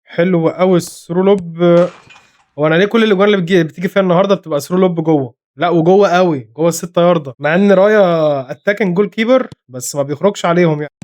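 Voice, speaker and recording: A man with an Egyptian accent giving rapid, excitable live commentary on his own football video game match, scolding his players, his voice going hoarse. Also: high voice. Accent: Egyptian Arabic. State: voice getting hoarse. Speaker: gaming commentator.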